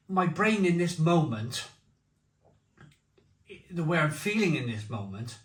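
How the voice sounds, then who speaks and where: Male reviewer, slightly high voice, casual and rambling with emphatic repeats, recorded in a roomy, echoing space. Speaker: beer and snack reviewer. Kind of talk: casual review chat to camera. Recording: roomy echo.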